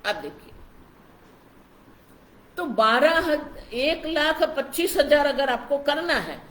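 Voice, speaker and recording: A high-pitched woman delivers a slow, explanatory scripture discourse. She keeps drawing her listeners in as she explains. The recording is roomy and echoey, with a faint hum of ambience behind her. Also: very animated, fairly bright tone. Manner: explanatory, repeats "ab dekho" to engage listeners. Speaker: spiritual teacher.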